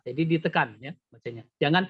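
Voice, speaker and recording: A man's voice: on the high side, fast talker, breathy edge. Man teaching recitation over a dull call. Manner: patient, quizzing the student with repeated questions and "ya". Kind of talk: online one-on-one tajwid lesson. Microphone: video call.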